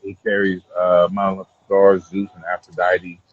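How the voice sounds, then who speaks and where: Male interview guest, low and raspy, loose rambling conversational delivery, slightly muffled lo-fi sound. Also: monotone, normal speed. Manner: rambling, repeats "you know what I'm saying". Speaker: cigar brand owner being interviewed.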